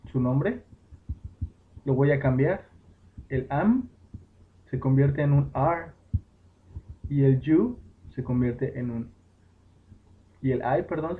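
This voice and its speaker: Slow, patient man explaining on tinny audio. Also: medium pitch. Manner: slow, patient explaining with fillers and self-corrections. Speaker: English teacher. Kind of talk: home-made lesson explaining grammar. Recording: tinny phone-like recording with faint noise.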